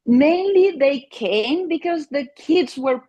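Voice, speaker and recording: Speaking slowly in a high-pitched, expressive voice with a dark tone, a middle-aged woman from Mexico describes her family therapy work during an interview. Spanish is her native language and her accent is Mexican. She comes across as earnest, with many fillers and restarts.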